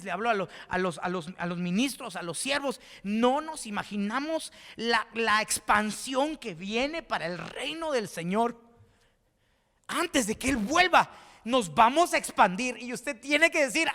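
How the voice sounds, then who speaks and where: A man's voice: very high voice, bright, forceful tone. A man from Guatemala preaching a sermon as pastor, fervent, with repeated words and restarts, rising to exclaim. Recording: reverberant hall.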